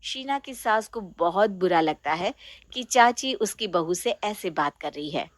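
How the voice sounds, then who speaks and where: A woman's voice: medium pitch, animated, a little slow, no echo. A woman narrating a family storybook in a plain storytelling manner.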